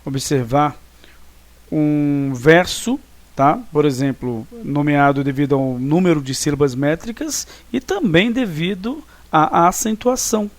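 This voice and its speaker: A man's voice: fairly high pitch, no echo. Man teaching, checking in with tag questions. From Brazil. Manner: explanatory, checks understanding with frequent tag questions; counts syllables slowly and deliberately. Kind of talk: recorded online lesson.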